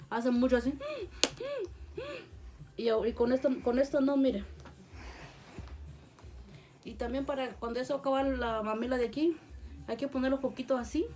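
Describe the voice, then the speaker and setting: Mother, gentle coaxing home-video talk, filmed on a phone, voice a bit high. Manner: soft coaxing, repeats endearments to the baby. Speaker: mother feeding her baby. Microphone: phone held by someone else.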